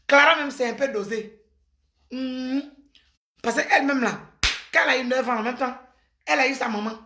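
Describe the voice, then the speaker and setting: A woman's voice: high voice, normal speed, sharp tone. A middle-aged woman, delivering an impassioned, preachy advice monologue straight to the listener. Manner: emphatic and preachy, with exclamations and address to the listener. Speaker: commentator giving advice. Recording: echoey room.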